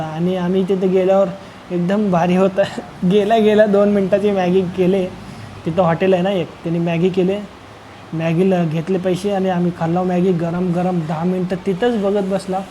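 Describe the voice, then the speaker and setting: A man's voice: high-pitched, little pitch movement, normal speed, mellow, a little hiss or hum, poor audio. A young man from Solapur, narrating a travel vlog in a rambling, joking way and addressing viewers as friends. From Solapur, Maharashtra. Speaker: travel vlogger. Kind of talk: casual travel vlog voice-over.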